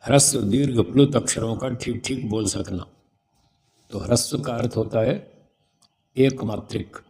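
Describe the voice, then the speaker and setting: A man's voice: medium pitch, a little slow, gravelly, darkish tone. A man speaking as a swami and spiritual teacher, giving a religious discourse on raising children, explaining patiently and sounding out syllables to demonstrate them.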